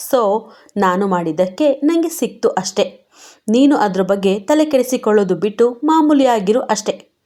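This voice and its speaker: A woman voicing a hot-headed young husband who talks bluntly and roughly yet consoles his wife, in a mellow tone. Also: medium pitch, lightly acted. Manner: blunt, rough-tongued, tender reassurance.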